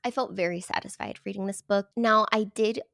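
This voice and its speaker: A woman talking casually as a book reviewer, animated and emphatic, sometimes dropping into a whisper. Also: mid-range voice, fairly quick, creaky, dry recording, studio quality. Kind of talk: casual chat.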